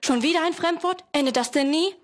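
A teenage woman voicing a noun as a bigoted, contemptuous word who shouts down newcomers. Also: sits high, moderate pace, natural voice. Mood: scornful. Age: teens. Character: hateful bigoted noun, a word spewing scorn.

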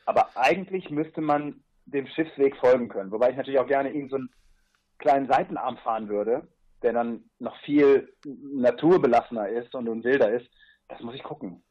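This man speaks a little fast in a mid-range voice, and the audio is dull. He's a guest on a laid-back podcast interview, wandering through the story of his long river paddle with fillers and side comments.

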